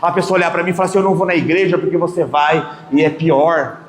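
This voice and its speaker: High-voiced man preaching in an echoey hall. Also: level tone, fast talker. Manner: dramatic storyteller, shifting between loud outbursts and soft asides. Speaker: lay preacher. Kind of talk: storytelling sermon at a prayer group. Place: prayer group meeting hall. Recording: echoey hall with long reverb, faint room noise.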